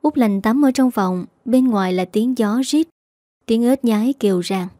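A woman narrating a romance story in a calm, steady reading voice. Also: on the high side, normal speed, dry recording, studio quality. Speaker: story reader.

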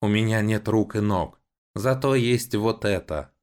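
A man voicing a stern robot gun sentry with a creaky, grating voice that speaks slowly and repeats its warnings, in an audiobook. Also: lowish voice, a little mellow, voice pushed up, natural voice. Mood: menacing. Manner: slow, insistent, repeats itself. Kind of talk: audiobook voice acting.

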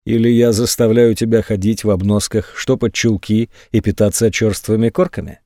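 A man voicing a jealous, controlling man who speaks in a calm, cold, mocking tone in an audiobook. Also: lowish voice, moderate pace, no room sound, clean studio sound, lightly acted.

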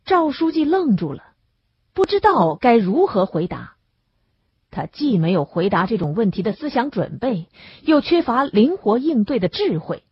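A woman narrates an audiobook with expressive, lively intonation and a strongly husky, breathy voice. The recording is dry and close, with a dull lo-fi sound. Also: a little high, moderate pace. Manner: expressive storytelling.

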